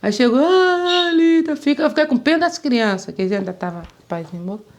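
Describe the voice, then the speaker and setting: This woman, being interviewed, relates a story in a lively, casual way and performs the voices of those she quotes. She speaks quickly at a medium pitch.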